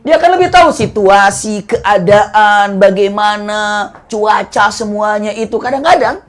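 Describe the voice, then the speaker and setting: A young man, preaching a sermon as an animated storyteller who swings his pitch and loudness. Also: a little slow. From Indonesia. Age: young adult.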